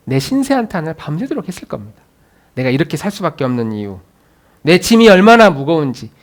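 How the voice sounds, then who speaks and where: A male pastor preaching in a church with a lively, far-ranging voice. His voice sits a little high for a man. He swings between loud, urging lines and soft, musing asides. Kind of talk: sermon. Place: church sanctuary.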